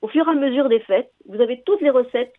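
A woman's voice: high voice, fast, no echo. An older woman calling in to a radio show over the phone, hesitant and often restarting as she gives cooking advice. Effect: phone line. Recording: tinny phone line.

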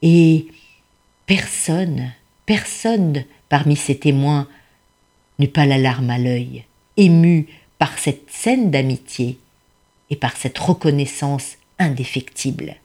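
A woman storyteller reading a folktale aloud, expressive and chatty, turning to the listener with asides. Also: low-pitched, slow.

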